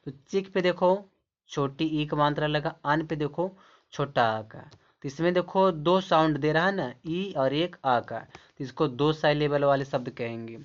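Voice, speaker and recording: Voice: mid-range voice, measured pace, dull audio. Teacher explaining with rhetorical questions. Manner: repetitive, asks rhetorical questions and answers them. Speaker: English teacher. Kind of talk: classroom-style explanation to camera.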